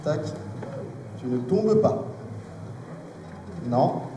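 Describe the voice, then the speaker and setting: A man with a high-pitched voice works as a kids' party magician, guiding volunteers through playful, story-led stage patter. He sounds distant from the microphone in a very echoey space. It is a live show delivery aimed at a family audience. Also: lively intonation, very slow, noisy background. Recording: echoey hall, distant mic, music behind.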